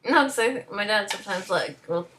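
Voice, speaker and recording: A woman's voice: mid-range voice, animated, a little fast, pushed and bright, slight background noise. A teenage girl chatting casually with a friend, rambling with lots of "like"s and giggling often. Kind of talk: casual chat.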